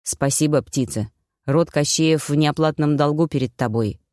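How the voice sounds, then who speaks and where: Grave immortal sorcerer dad, pitched way down, solemn, a woman doing him, audiobook. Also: moderate pace, dark tone, no echo, clean studio sound, close to an everyday voice.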